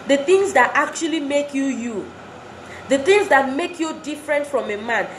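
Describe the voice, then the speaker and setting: Woman giving a pep talk to wives, high voice, earnest, roomy echo w faint hiss. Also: expressive, moderate pace. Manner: earnest, exhorting, repeats phrases for emphasis. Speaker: speaker addressing wives. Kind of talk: motivational talk.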